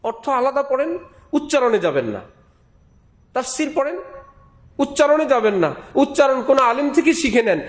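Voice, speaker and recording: A man's voice: very high voice, big pitch swings, moderate pace, long pauses. A male preacher giving a sermon, emphatic, repeating key phrases and asking rhetorical questions. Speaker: Islamic preacher. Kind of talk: Bengali waz sermon.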